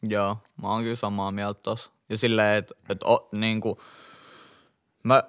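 A man's voice: on the low side, clear, resonant tone. A young man with a Helsinki accent, co-hosting a casual podcast chat, telling slangy stories animatedly with lots of fillers. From Finland. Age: young adult. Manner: slangy, animated storytelling with laughs and many fillers. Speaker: podcast co-host.

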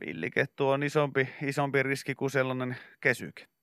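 Bright, crisp-voiced man hosting radio. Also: medium pitch, steady tone, no echo, studio quality. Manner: jokey, sings and shouts song intros. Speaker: radio morning show host. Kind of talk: casual radio banter.

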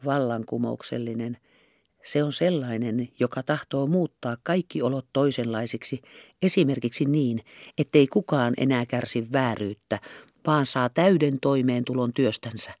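A woman voicing a secretive revolutionary army captain, earnest and hushed, in an audiobook. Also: extremely low pitch, dry recording, studio quality. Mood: whispered secretive.

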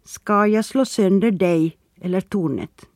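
A narrator playing a furious, trembling young man in a storybook, tense and shouting. The voice sits close on a dry studio mic. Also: mid-range voice, no echo, close to an everyday voice. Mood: frantic.

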